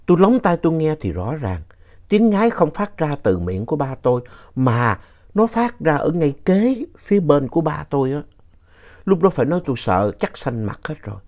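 Animated male storyteller, lo-fi recording. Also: fairly high pitch, normal speed. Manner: animated storyteller, voice rising in tense moments. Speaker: ghost story narrator reading listener letters. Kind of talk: storytelling narration of listener letters. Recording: dull lo-fi recording.

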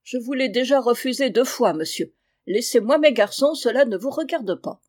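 A woman voicing a gruff, stubborn middle-aged peasant father who answers curtly. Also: on the high side, animated, moderate pace, a little mellow, pitched above the performer's own voice. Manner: gruff, curt.

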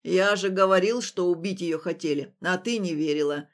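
A woman doing a gruff old man, dropped far below her own pitch and loud. He barks orders and grumbles warnings. Audiobook figure. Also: normal speed, natural voice. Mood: stern. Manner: commanding, grumbling.

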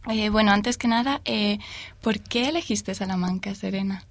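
A woman's voice: medium pitch, moderate pace. A woman co-hosting a university radio programme, introducing the guest and prompting her with questions. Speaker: radio co-host.

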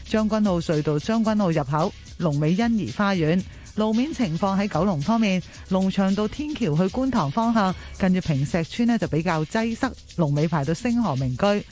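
A woman giving a live radio traffic report, briskly running through one queue after another. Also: lowish voice, darkish tone. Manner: brisk, listing routes in a run.

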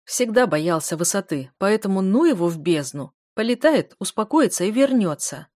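A woman reading the lines of a worldly, wry man of about fifty in an audiobook, speaking in an unhurried, amused way. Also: medium pitch, animated, darkish tone, dry recording, studio quality, close to an everyday voice. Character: dry, ironic 49-year-old man, worldly.

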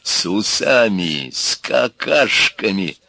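A man voicing a gluttonous, mocking three-headed male dragon in a storybook, slow and leering. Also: on the low side, very animated, gravelly, bright, forceful tone, no echo, full character voice.

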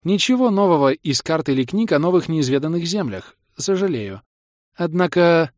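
A man's voice: fairly high pitch, sing-song, a little mellow, dry recording, pitched above the performer's own voice. Audiobook: dignified old lady gnome librarian, raised and lofty, man doing her voice, dry studio sound. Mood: formal, conspiratorial. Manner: formal, measured, lofty speech. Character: stern grey-haired female gnome librarian, dignified.

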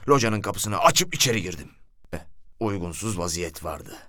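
A swaggering former cop, as a narrator puts him on confides his tale in a lively, dry voice. He sounds boastful and knowing throughout. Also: low-pitched, normal speed, dry recording.

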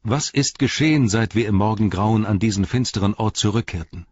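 A man's voice: lowish voice, fairly quick, darkish tone, highs cut off, a little hiss or hum, voice pushed up, natural voice. A man reading a story and voicing a lofty, encouraging male elf archer. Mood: urging.

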